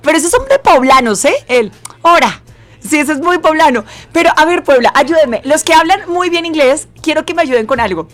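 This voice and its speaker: A woman's voice: high voice, normal speed. A woman radio host chatting intensely and nonstop with her listeners and callers. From not from Mexico. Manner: talkative, intense, excitable. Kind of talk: lively radio chat with callers. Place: radio studio.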